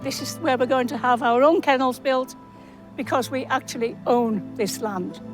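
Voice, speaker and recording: A woman in her seventies with a Cumbrian accent, talking casually to camera with halting pauses. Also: high-pitched. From Cumbria, England. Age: 70s. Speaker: animal rescue charity founder. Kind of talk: casual documentary interview. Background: music.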